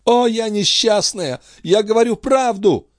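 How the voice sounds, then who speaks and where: A man voicing an anguished, jealous, imperious queen in an audiobook, crying out in a shrill falsetto. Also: animated, measured pace, a little mellow, dry recording, clean studio sound. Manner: shrill, cries out in high falsetto.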